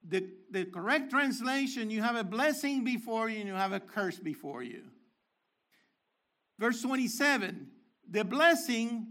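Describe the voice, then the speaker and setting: Emphatic high-voiced male preacher. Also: pushed and bright. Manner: emphatic, explains Hebrew words, rises to exclamations. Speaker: Messianic teacher. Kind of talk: sermon teaching.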